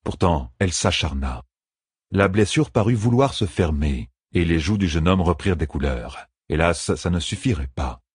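A man narrates a fantasy novel in a low, husky voice, measured and dramatic. The sound is dry and close, with no room. It reads like a studio audiobook. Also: animated, dry recording.

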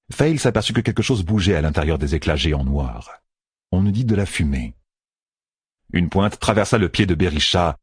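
Male audiobook narrator, deep voice, very animated delivery, dry booth sound. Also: breathy edge, dry recording. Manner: expressive, dramatic storytelling. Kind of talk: scripted fantasy narration.

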